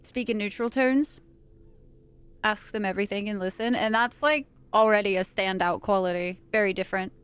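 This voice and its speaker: A woman's voice: medium pitch, moderate pace, fairly bright tone, clean tone. A young woman live-streaming a game, chatting casually and playfully, swearing now and then, close on the mic. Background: faint game music.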